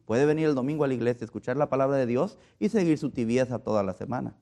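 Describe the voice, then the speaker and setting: A Guatemalan preacher with a Guatemalan Spanish accent delivers a conversational sermon earnestly, often repeating words while searching for them. His mid-range voice is expressive and dark-toned, and he speaks fast.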